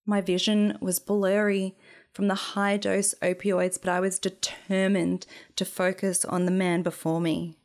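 A woman's voice: medium pitch, level tone, a little slow, darkish tone. A young woman reading her own memoir aloud in a dry, wry storytelling manner. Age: young adult. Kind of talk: memoir narration.

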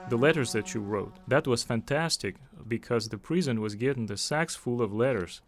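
A man's voice: medium pitch, no echo. Man giving an interpreter voice-over. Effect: live interpreter voice-over laid over a filmed statement. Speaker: translator. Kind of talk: voice-over interpreting of a recorded testimony.

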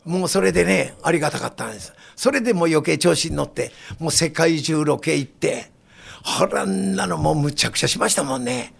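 An older man with a Kansai accent, a guest telling lively anecdotes and acting out the voices in them, with a gravelly, husky voice. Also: a little high, a little fast. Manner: lively, acts out the voices in his stories.

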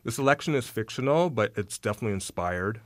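A male interviewer with a lowish voice asks his questions in a relaxed, affirming way. He nods along with short murmurs of agreement. The recording is close and dry, with no room sound. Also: quick pace, no echo. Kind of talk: conversational interview.

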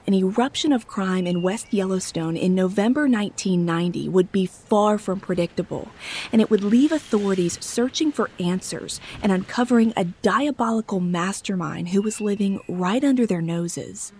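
A woman hosts a true-crime podcast, reading scripted narration as measured storytelling. Her pitch is medium, with faint noise behind the voice. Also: darkish tone. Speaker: podcast host.

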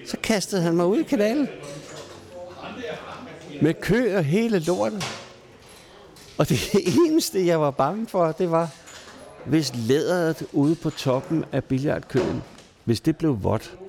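This Danish man's voice runs on the high side, with vocal fry and a darkish tone. Sitting in a neighbourhood pub, he casually recounts old pub stories, chuckling here and there and using salty, everyday language.

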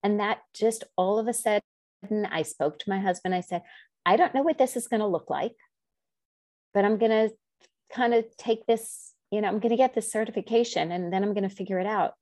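A woman's voice: brisk, no room sound. A middle-aged woman telling her story in an interview, rambling with asides and acting out the quoted dialogue. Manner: animated, acts out quoted dialogue with big pitch jumps. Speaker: guest.

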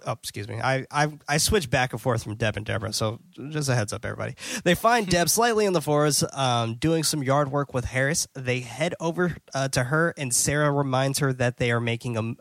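In a dry recording, a medium-pitched male podcast host walks through a film's plot for his casual review show, keeping it loose, full of filler, and now and then profane.

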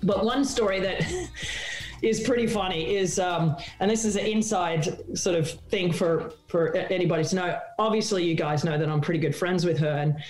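A woman who is a former tennis pro and TV analyst, telling a lively anecdote as a guest and acting out the voices of the people in it. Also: on the low side, moderate pace, soft background music. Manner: animated, laughing, acts out quotes. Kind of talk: casual storytelling anecdote. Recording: roomy echo.

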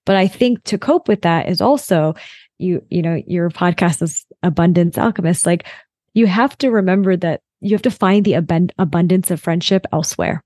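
A woman's voice: on the low side, normal speed, a little mellow, no echo. A woman in her late thirties, a podcast guest chatting over a video call and acting out her own thoughts in quotes. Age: late 30s. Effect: heard over a video call. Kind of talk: casual interview chat.

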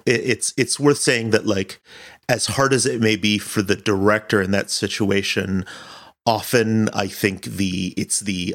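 Fairly low in pitch yet gravelly with a fairly bright tone, a director of audio fiction speaks informally in an interview. He thinks aloud haltingly, feeling around for his words.

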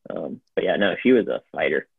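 Gravelly low man telling a story. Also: lively intonation, fairly quick, no room sound. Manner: loose and rambling, heavy on fillers. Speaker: podcast guest. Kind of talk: casual storytelling. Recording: phone-like narrow sound.

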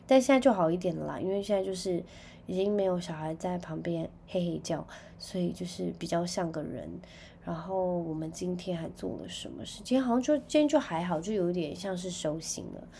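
A young woman with a Taiwanese Mandarin accent hosts a podcast, telling stories in a chatty way with sudden loud outbursts. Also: fairly low pitch, a little fast, creaky, a little hiss or hum. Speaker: podcast host. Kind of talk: casual chat.

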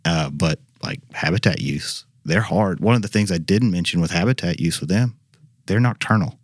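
A man's voice: low-pitched, moderate pace, breathy edge, dry recording. A man talks as an expert guest. He explains things informally, in everyday conversational words, in a dry interview recording. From Arkansas, United States. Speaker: guest expert, university biologist and teacher. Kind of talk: casual interview talk.

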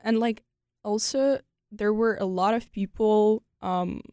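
A young adult woman from Ukraine, who speaks Ukrainian and Russian, chats casually as an interview guest in a Ukrainian accent, peppering her talk with "like" and "you know." Her medium-pitched voice is mellow, clear and resonant, and she takes it slowly. The recording is dry with clean studio sound.

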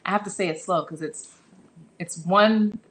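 A woman who leads a publishing company answers interview questions about her business as a guest, speaking quickly in a lowish, fairly bright voice. She is earnest and encouraging but often restarts her sentences, and the audio is poor.

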